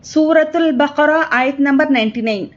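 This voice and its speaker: A woman teaching Quran reading, spelling syllables slowly and drawn out, with quick explanations of the rules in between. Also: high-pitched, lo-fi sound. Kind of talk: slow letter-by-letter spelling lesson.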